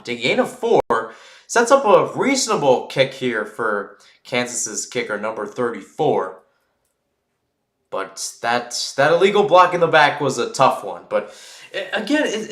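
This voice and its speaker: This play-by-play commentator covers a live American football game in a medium-pitched, slightly bright voice. He speaks casually and muses aloud between plays, and the audio has a spacious, echoing quality.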